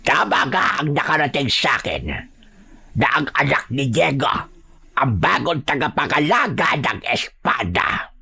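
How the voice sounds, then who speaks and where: A man voicing a cruel female aswang queen, speaking slowly and mockingly in an audio horror story. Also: fairly high pitch, very animated, gravelly, bright, forceful tone, husky, heavily acted. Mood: gloating. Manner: slow, gloating and taunting.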